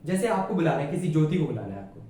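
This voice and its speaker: A man with a fairly high, mellow voice runs a casual exam-prep lesson, chatting familiarly and checking again and again that his students understand. He sits well back from the microphone in a bare, strongly echoing room. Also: big pitch swings, very fast. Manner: chatty, checks understanding often, calls listeners "yaar". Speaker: reasoning teacher. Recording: very echoey room, voice far from mic.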